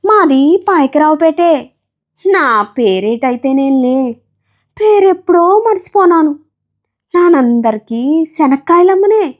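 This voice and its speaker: A woman's voice: high voice, voice pushed up. A woman doing a weary peanut-selling village woman. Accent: coastal Andhra village dialect. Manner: shouting street-vendor calls, weary dialect speech.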